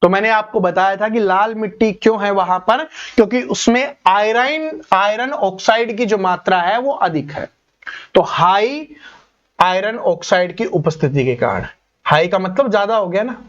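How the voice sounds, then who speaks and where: High-voiced man teaching an exam class. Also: moderate pace, fairly bright tone. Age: 30s. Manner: explains step by step, asking students rhetorical questions. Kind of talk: online exam-prep lesson. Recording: dull lo-fi recording.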